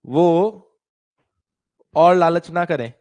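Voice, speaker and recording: A physics teacher in a live online class, a man with a fairly high voice. He talks in a chatty, teasing way and often breaks into little impressions of students and newsreaders. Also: very slow, darkish tone.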